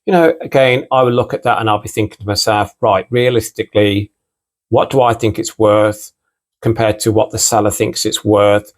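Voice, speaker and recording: A man's voice: on the low side, moderate pace. A British man with a mixed English and Irish accent, a record collector hosting his own channel and chatting casually. He rambles and keeps repeating "again" and "you know.". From United Kingdom. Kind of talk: casual unscripted vlog talk.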